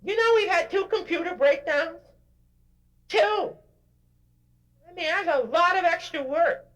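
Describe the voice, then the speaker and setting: A whiny, squeaky griping office worker. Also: male voice, unhurried, fairly bright tone. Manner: complaining, high-pitched and strained.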